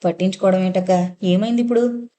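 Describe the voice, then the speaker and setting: A woman reading the lines of an earnest, gentle young man in an audio novel, in a coaxing way. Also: medium pitch, steady tone, quick pace, close to an everyday voice. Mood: pleading.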